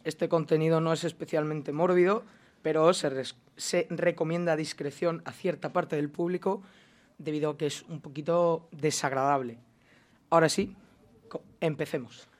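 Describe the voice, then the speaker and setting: A man presenting a short lesson segment, speaking slowly and haltingly with many fillers. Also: a little high, steady tone.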